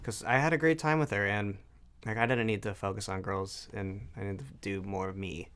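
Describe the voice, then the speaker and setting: A man's voice: fairly low pitch, steady tone, fairly quick, fairly bright tone, smooth. A man in his thirties, co-host of a couple's channel, chatting casually with joking interjections and a reflective tone when telling his side. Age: 30s. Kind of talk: casual storytelling chat.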